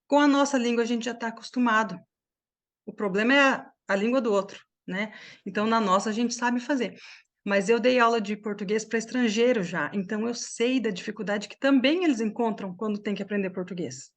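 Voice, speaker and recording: Speaking in a fairly high voice, a Brazilian woman runs an online English lesson on pronunciation. She goes slowly and checks often that her students are following along.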